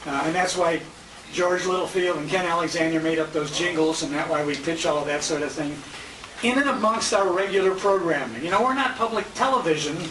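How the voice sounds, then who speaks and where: Speaking a little fast in a high-leaning voice, an American man is recorded from a distance on a handheld compact camera. As tribute dinner emcee and radio show host, he informally spins anecdotes featuring quoted talk. The restaurant banquet room is noisy and full of echo.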